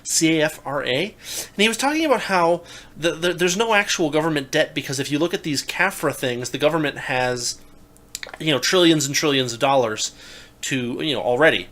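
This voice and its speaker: A young adult man in casual political talk, animated and incredulous, often restarting his sentences. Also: a little high, a little fast. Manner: animated, rising to loud incredulous emphasis; restarts and stammers mid-sentence. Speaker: podcast co-host.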